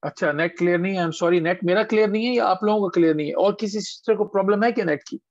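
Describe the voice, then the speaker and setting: A man teaching tajweed in an online class, patiently questioning students and drawing words out slowly as models. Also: high-pitched, no room sound. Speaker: Quran recitation teacher. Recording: dull lo-fi online call audio.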